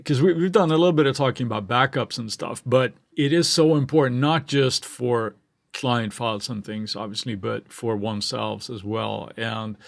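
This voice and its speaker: A man's voice: lowish voice, creaky, dry recording. Laid back podcast dude chatting w his cohost, laughs a lot, super dry sound. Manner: easygoing, laughs often, asks questions. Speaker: podcast co-host, mixing engineer. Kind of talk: casual chat. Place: studio.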